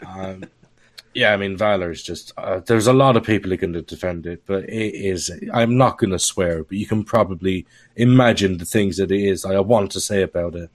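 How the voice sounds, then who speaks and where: A man's voice: low-pitched, moderate pace. A man talking casually as a podcast guest, candid and joking, laughing often at his own remarks. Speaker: guest software developer.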